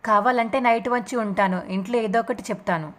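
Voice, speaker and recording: A woman's voice: fairly high pitch, a little fast, close to an everyday voice. A woman voicing a guilt-ridden young mother who pleads in a sorrowful tone. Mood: grieving.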